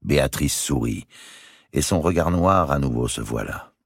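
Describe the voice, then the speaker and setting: Deep husky guy reading a historical novel, gravelly, lively intonation, dry sound. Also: normal speed, no room sound. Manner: expressive, dramatic reading. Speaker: narrator.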